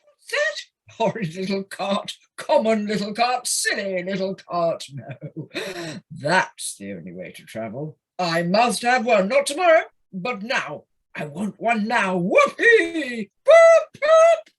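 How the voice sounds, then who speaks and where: A spoilt, excitable gentleman toad in an audio play. The voice is husky and leaps wildly in pitch, with drawn-out gushing words and whoops at an unhurried pace. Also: exaggerated voice. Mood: manic obsession. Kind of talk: amateur audio play acting.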